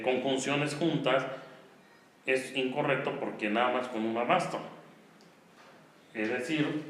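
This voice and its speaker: A man's voice: medium pitch, fairly bright tone. Mexican man teaching in an echoey room. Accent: Mexican Spanish. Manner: explanatory, repeats checks like "¿sí?". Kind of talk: online class lecture on Spanish grammar. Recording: very echoey room, faint noise.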